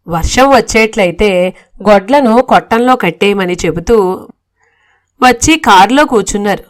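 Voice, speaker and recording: A woman tells a comic domestic tale as a storyteller. Her narration is lively and wry, in a voice of ordinary pitch. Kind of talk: storytelling reading of a humorous novel.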